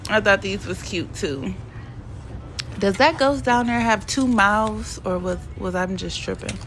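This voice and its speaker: A woman with a stuffy, sniffly cold narrates a casual shopping vlog voiceover recorded at home, playfully chatting in slang. Her mid-range voice is fairly bright and a little slow, with slight background noise.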